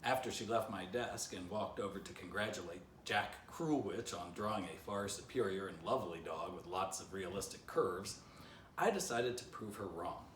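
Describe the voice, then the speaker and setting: Here his voice is low-pitched, expressive and a bit bright, moving at normal speed as he reads his children's book and chats playfully with young listeners. He's a man in his fifties by an indoor fireplace, recorded from a camera a few feet away, so the sound is roomy, slightly distant, with slight background noise.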